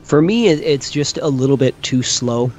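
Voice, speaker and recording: A man with a medium-pitched voice shares opinions in casual panel talk. He thinks aloud, doubling back on words as he goes. Some faint noise sits in the recording. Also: animated, moderate pace, a little mellow. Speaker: panelist on a gaming discussion show.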